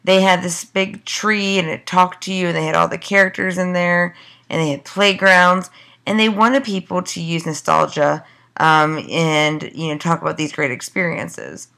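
Hoarse woman giving a recorded lecture. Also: fairly low pitch, fairly even intonation, normal speed, bright, forceful tone. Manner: loose, filler-heavy lecturing with rhetorical questions. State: losing her voice.

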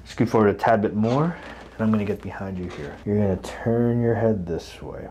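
Calm low-voiced male chiropractor. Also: a little fast, a little hiss or hum. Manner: calm, coaching, joking. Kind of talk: casual instructions during treatment. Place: chiropractic clinic room.

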